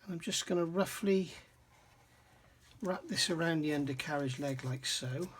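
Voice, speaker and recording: A man's voice: on the high side, normal speed, slight background noise. Chatty man with a dry throat. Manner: rambling, chatty, self-deprecating. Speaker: scale model building channel host. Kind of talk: casual workbench tutorial. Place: home hobby workbench.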